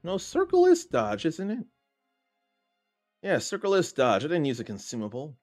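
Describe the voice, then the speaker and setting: A man's voice: a little high, wildly swooping pitch, normal speed, darkish tone, soft background music. A man casually commenting while playing a video game, laid-back and muttering asides. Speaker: gaming streamer. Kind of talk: casual let's-play commentary.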